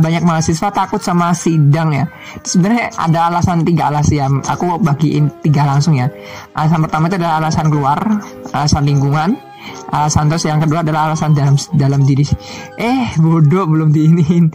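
Young man, loose rambling vlog chat, slightly high pitch, faint music bed. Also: darkish tone. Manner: rambling, many fillers and restarts. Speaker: vlogger. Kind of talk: casual chat to viewers.

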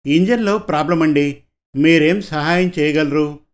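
A man's voice: on the high side, measured pace. A man reading a friendly young police officer. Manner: easygoing, smiling. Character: young male police sub-inspector, friendly and good-humored. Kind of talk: audiobook character voice.

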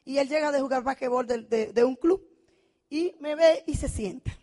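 A woman's voice: high voice, moderate pace. A middle-aged woman telling an emotional testimonial, dramatic and passionate, acting out quoted dialogue. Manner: passionate, dramatic storytelling with vivid quoted dialogue and frequent shouting. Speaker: motivational speaker at a business convention.

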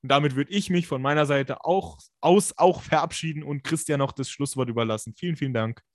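A man with a scratchy smoker's rasp, co-hosting a podcast and giving blunt, colloquial, emphatic coaching advice in a casual chat. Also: fairly high pitch, a little fast, no echo, clean studio sound. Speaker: podcast co-host and fitness coach.

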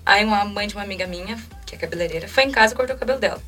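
A Brazilian woman in her twenties talks fast and emotionally, jumping into quoted lines of dialogue as she retells a personal story. She sits a bit back from the mic, and faint music plays underneath. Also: medium pitch, fairly bright tone, recorded from a distance. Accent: Brazilian Portuguese. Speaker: interview guest.

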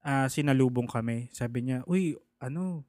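A man's voice: mid-range voice, moderate pace, no echo, studio quality. A man casually telling a personal story, acting out the people he quotes. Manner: animated, acts out the people he quotes.

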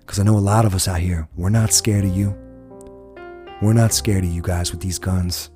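A man's voice: sits low, steady tone, moderate pace, over music. A man from the United States hosting a podcast, delivering an impassioned, profane political rant. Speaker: podcast host.

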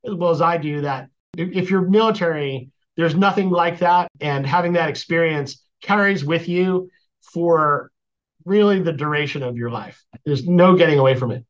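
A man chatting casually as an interview guest, halting and repeating words as he goes. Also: a little high. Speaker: podcast guest, lawyer. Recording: dull, lo-fi audio.

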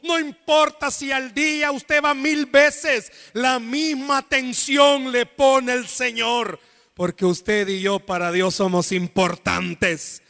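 A man's voice: extremely high pitch, level tone, takes it slowly, big-room sound. A married man preaching a sermon at a church service, speaking with impassioned intensity and calling out to the congregation. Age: adult, married. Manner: impassioned preaching with shouted appeals. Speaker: pastor.

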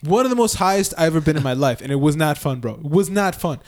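A young man chatting casually with a friend, telling a long, animated story full of slang and swearing. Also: a little high, fast talker. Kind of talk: casual chat.

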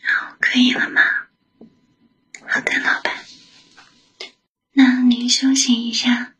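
A woman whispering softly as an attentive young secretary who looks after her boss in an ASMR roleplay. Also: high-pitched, little pitch movement, slow, heavily acted. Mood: caring. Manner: soft whispering, gentle and solicitous.

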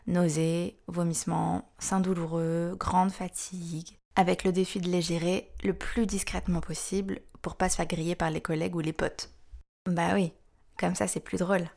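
A woman's voice: lowish voice, level tone, moderate pace, creaky, darkish tone. A woman in her thirties hosting a podcast, reading scripted narration in a frank, wry, confiding way. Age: 30s. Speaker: podcast host.

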